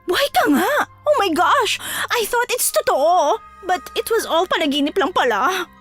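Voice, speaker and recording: Woman playing a bratty rich girl, very high voice, swooping pitch, posh whiny mixed speech. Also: sing-song, moderate pace, a bit bright, faint music behind, full character voice. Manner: mixes English and Tagalog in a posh, whiny way. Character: spoiled rich young woman, vain and dramatic.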